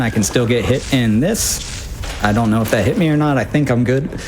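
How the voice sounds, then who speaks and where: A man's voice: mid-range voice, background noise. A man giving casual, wry live commentary on his own speedrun, often breaking off his sentences as he thinks aloud. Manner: informal, wry, self-interrupting thinking aloud.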